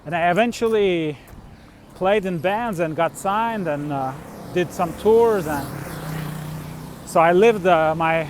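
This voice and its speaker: A middle-aged man with a high voice, born in Turkey and raised in Switzerland, tells personal travel stories against a noisy background. A vlogger, musician, and traveler, he speaks unscripted and casually, halting and rambling with thoughts that trail off.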